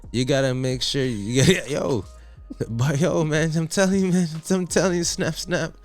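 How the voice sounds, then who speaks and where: A man's voice: a little high, moderate pace, soft background music. Slangy, joking man talking sports. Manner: animated, slangy, joking, repeats himself. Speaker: co-host. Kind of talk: casual sports chat.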